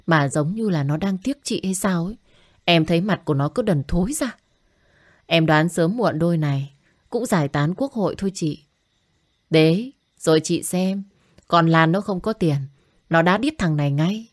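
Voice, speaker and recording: A woman voicing a gossipy, sharp-tongued young woman coworker who talks in blunt slang. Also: on the low side, lively intonation, moderate pace. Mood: scornful.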